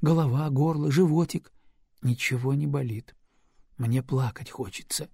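A husky-voiced man voicing a worried young mother who pleads gently with her daughter, read for an audiobook. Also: mid-range voice, measured pace, no room sound, clean studio sound. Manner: pleading, tender.

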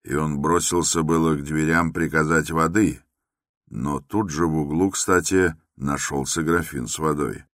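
Very deep-voiced man reading a novel. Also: fairly even intonation, a little slow, a bit bright, no echo, clean studio sound. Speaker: audiobook reader. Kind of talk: literary audiobook narration.

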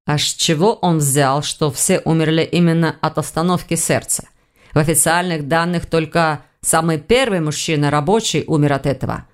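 A calm, thoughtful male investigator who speaks slowly and evenly in an audiobook scene, as a woman reads him. The voice is pushed lower and held back, measured and unhurried. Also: lightly acted. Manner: slow, lowered, measured delivery.

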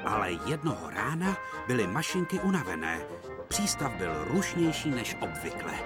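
A man doing scripted storybook narration for a children's cartoon dub, reading in a lively, expressive way, with music behind. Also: lowish voice.

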